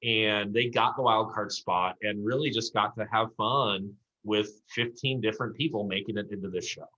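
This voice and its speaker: Encouraging improv coach, man, bright forceful tone, dull lo-fi audio. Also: fairly low pitch, fairly even intonation, moderate pace. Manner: rambling, encouraging, lots of fillers. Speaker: improv league coach and co-host. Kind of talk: casual recap chat.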